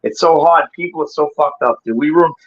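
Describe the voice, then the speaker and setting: A man's voice: fairly high pitch, a little fast. A man in his sixties chatting casually and off the cuff, swearing freely and peppering his streetwise talk with bro, dude and man. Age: 60s. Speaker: guest in a livestream chat. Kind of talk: casual unscripted chat. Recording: dull lo-fi stream audio, clear background noise.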